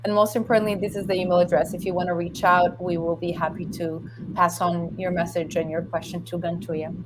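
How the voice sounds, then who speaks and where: A woman's voice: fairly low pitch, flat delivery, fairly quick. A woman moderating an online talk in a polite, appreciative manner. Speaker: host, moderator. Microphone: video call. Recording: video call with clear background noise.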